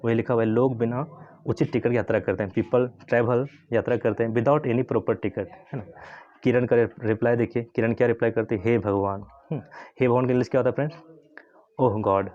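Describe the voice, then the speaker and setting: A man teaching English in a lesson, explaining slowly and repeating phrases with frequent tag questions. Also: medium pitch, steady tone, narrow, tinny audio. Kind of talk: Hindi-language English lesson.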